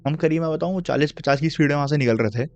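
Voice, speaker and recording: A man's voice: on the high side, rapid-fire, a little mellow. A young man telling a true horror story in a casual, chatty way, mixing in English slang and turning to the listener with asides. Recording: dull lo-fi recording.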